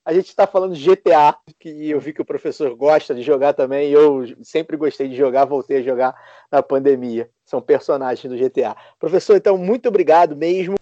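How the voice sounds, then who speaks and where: A man co-hosts a podcast in casual chat, out of breath and enthusiastic, halting on fillers. His voice is high and mellow. The sound is dry, close and dull. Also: no room sound. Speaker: podcast co-host.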